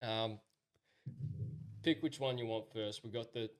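Australian bloke spinning a casual yarn. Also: male voice, on the low side, unhurried. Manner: laid-back larrikin storytelling with rural slang, often chuckling. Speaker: podcast guest. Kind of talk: casual spoken anecdote.

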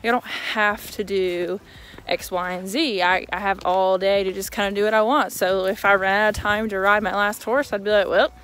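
A woman's voice: medium pitch, fairly even intonation, normal speed, fairly bright tone, clean tone. Chatty young woman at the barn. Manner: chatty and self-amused, talking with her mouth full at times. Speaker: vlogger and horse owner. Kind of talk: casual chat while doing chores. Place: outdoors at a horse barn.

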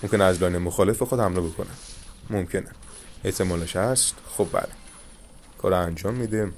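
A young man commentating his own mobile game match, calmly coaching viewers through each move. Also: deep voice, slight background noise. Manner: coaching viewers, calm reassurance. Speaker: gaming channel host. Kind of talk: live gameplay commentary with tips.

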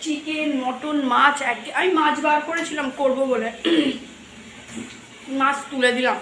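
A middle-aged woman with a sore throat, chatting softly to viewers in her home kitchen. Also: high voice, fairly even intonation, a little slow, a little hiss or hum. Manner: chatty, talks straight to viewers. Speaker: home vlogger. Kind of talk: casual home vlog chat. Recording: echoey home room.

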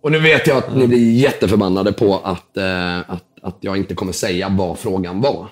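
Man, low voice, guest on a casual interview, animated storyteller, acts out dialogue, mixes in English words, swears casually. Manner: casual, swears now and then. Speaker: entrepreneur guest. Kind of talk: animated anecdote telling.

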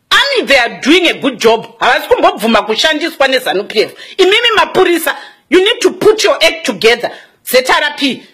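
A woman's voice: very high-pitched, pushed and bright. A young Zimbabwean woman with a Zimbabwean accent, delivering a fiery, scolding political rant in a mix of Shona and English.

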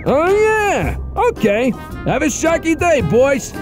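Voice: high-pitched, very animated, takes it slowly, exaggerated voice. An actor voicing a friendly, curious, slightly dim shark in a children's puppet show, breezy and chummy. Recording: music behind the voice.

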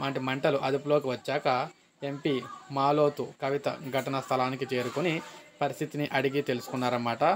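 A man reading a local news update for his channel, steady and plain, now and then correcting himself. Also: mid-range voice, a little hiss or hum. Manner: flat, steady delivery with a self-correcting slip.

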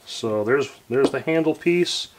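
A man in his forties hosting a casual workshop tutorial, talking in a relaxed, rambling way with many fillers and restarts, recorded in a home workshop on a camera a few feet away. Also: medium pitch, measured pace. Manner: relaxed and rambling, lots of fillers and self-corrections. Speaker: woodworking channel host.

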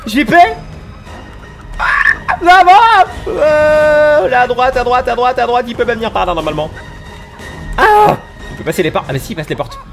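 A man doing let's play commentary, excitable and teasing, yelping when scared and chatting to the monster on screen. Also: extremely high pitch, moderate pace, creaky, long pauses, over music. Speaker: gaming YouTuber.

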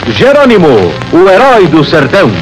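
A man's voice: sits high, wildly swooping pitch, moderate pace, music in the background, poor audio. A man as an announcer reading an old radio sponsor introduction.

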